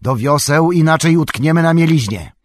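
A man voicing a proud, hot-tempered warrior who shouts his warnings in a storybook reading. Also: lowish voice, normal speed, a little hiss or hum, pitched above the performer's own voice, close to an everyday voice. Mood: alarmed. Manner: shouting in alarm, forceful.

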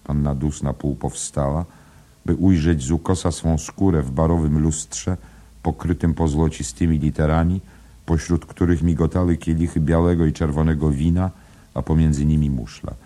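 Deep-voiced man, dark and husky, narrator reading a literary audiobook. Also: fairly even intonation, moderate pace. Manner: rhythmic, musical reading with wordplay.

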